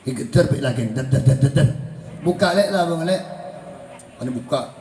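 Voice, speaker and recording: A man preaching a sermon, telling the story with acted dialogue and a pitch that swoops up and down. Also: animated, moderate pace, warm tone. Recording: echoey hall with faint noise.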